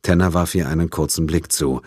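A man narrating an audiobook in an even, measured storytelling manner. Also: rumbling low, husky, no echo, clean studio sound. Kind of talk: scripted narration.

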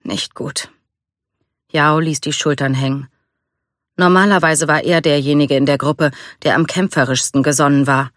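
A reader narrating a storybook in a calm, even reading voice. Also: medium pitch, normal speed, no echo, clean studio sound. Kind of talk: scripted narration.

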